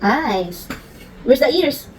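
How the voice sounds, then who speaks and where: In a noisy indoor home recording, a woman from the Philippines chats with her small kids for a casual family vlog. Her voice sits high with lively intonation and a slow pace, playful, coaxing and sing-song.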